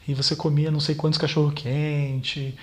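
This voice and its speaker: A man, a pastor, telling a therapist a painful personal story in a halting way and repeating words as he goes. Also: fairly high pitch, flat delivery. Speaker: pastor speaking as a therapy client. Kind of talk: personal account in a therapy session.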